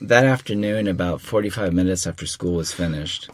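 A man calmly telling a personal faith testimony in short phrases, pausing for his interpreter, with fillers along the way. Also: low-pitched, breathy edge. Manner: calm, unhurried storytelling with pauses and fillers. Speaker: guest speaker giving a testimony.

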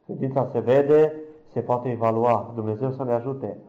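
Guy preaching to his church, gets loud and fired up then goes real quiet, middle pitched voice. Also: steady tone, narrow, tinny audio. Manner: swings from loud fervent cries to hushed near-whispers; addresses the congregation directly. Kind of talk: impassioned sermon testimony.

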